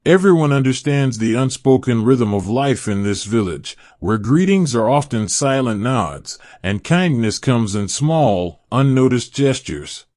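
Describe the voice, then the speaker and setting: A man reads a bedtime story at an unhurried pace, with a medium-pitched voice. The delivery is soothing and meditative, made to lull a listener toward sleep. The recording is close and dry, with no room sound. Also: very animated, darkish tone, no echo. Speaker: narrator of a bedtime history story. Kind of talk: slow, scripted sleep-story narration.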